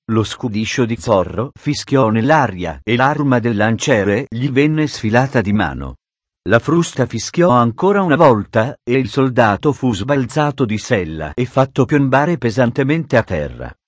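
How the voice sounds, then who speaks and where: A man's voice: medium pitch, lively intonation, measured pace, no room sound. Man reading an adventure story aloud. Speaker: audiobook narrator. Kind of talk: storybook narration.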